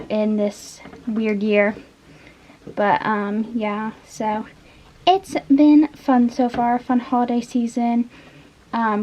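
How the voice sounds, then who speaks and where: A woman's voice: a little high, a little mellow, a little hiss or hum. A young woman with a stuffy nose from allergies, chatting casually and rambling off-topic while she shows a craft step by step. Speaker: craft vlogger. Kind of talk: casual crafting tutorial chat.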